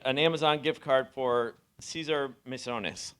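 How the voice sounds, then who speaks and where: A man's voice: mid-range voice, measured pace, fairly bright tone, smooth. A man from a sponsor announcing prize winners at a conference, casual.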